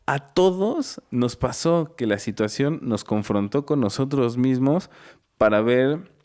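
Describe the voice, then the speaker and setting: A man's voice: fairly low pitch, dark tone, clear, resonant tone. A young man, co-hosting a podcast and talking through his ideas at length in a reflective, casual way. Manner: reflective, explains at length with many asides. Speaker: podcast co-host.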